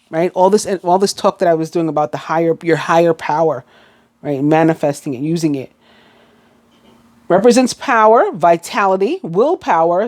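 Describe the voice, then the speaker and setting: New york lady doing a tarot reading, kinda low voice, rambly with lots of ums. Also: a little mellow. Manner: chatty, rambling, many fillers and restarts. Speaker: tarot reader.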